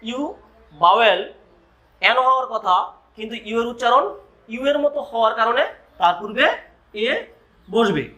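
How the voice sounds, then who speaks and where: A school English teacher gives a grammar lesson in a high, bright-edged voice. He speaks slowly and deliberately, spells out letters one by one, and keeps posing rhetorical questions to his students as he explains.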